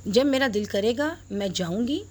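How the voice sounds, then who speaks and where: A woman voicing Arusa, a spoiled, haughty young wife who talks in a sharp, huffy way. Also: a little high, lively intonation, moderate pace.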